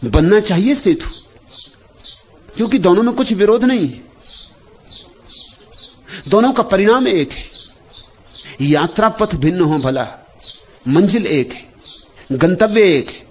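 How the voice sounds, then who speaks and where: A man delivering a meditative spiritual discourse as a teacher, speaking in short, measured phrases with repeated refrains. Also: sits high, lively intonation, darkish tone, slight background noise.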